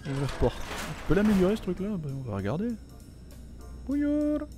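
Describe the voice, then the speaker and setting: A man's voice: high-pitched, wildly swooping pitch, fairly quick. A man giving casual let's-play commentary, joking, swearing and reading game text aloud. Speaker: gameplay commentator. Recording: faint game music behind.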